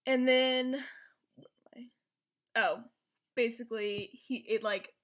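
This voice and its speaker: A woman's voice: fairly high pitch, fairly even intonation, slow pace, a bit bright. Rambling woman recapping a film. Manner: rambling, many fillers and restarts. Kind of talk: casual chat.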